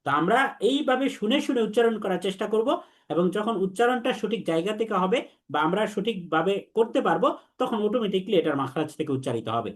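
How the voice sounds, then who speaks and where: A young man teaching Arabic letter pronunciation, repeating sounds slowly for students to echo back. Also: high voice, expressive. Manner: slow, repetitive drilling, has students repeat after him. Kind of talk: online lesson on Arabic letters.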